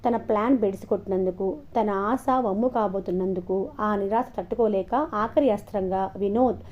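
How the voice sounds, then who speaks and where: A woman storyteller narrating an audio novel in an expressive, steady way, in a dull lo-fi recording. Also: mid-range voice, moderate pace.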